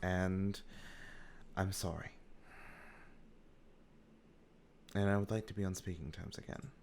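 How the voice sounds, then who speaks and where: A man voicing a woman mentor in a tabletop game who speaks in a measured, apologetic way, barely changing his own voice. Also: low voice, steady tone, darkish tone, slight background noise. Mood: earnest. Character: remorseful woman mentor figure.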